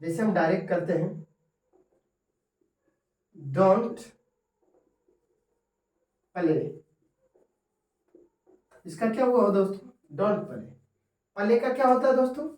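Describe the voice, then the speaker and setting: A man teaching English grammar in Hindi, repeating each example slowly and often calling his viewers friends. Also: high-pitched, a little mellow, far from the mic. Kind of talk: Hindi-medium grammar lesson. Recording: echoey room, voice from off-mic.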